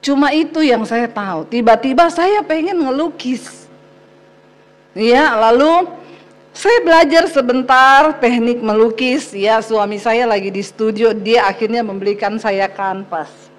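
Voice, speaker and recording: A woman pastor preaching a sermon as a lively personal story, speaking straight to the congregation and laughing often. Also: a little high, unhurried. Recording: long hall reverb.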